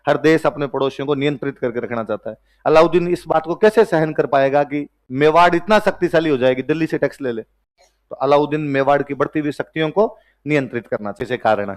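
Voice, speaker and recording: Lively history teacher. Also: male voice, on the high side. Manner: storytelling teacher who acts out characters with quick question-and-answer asides. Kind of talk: lively classroom history lecture.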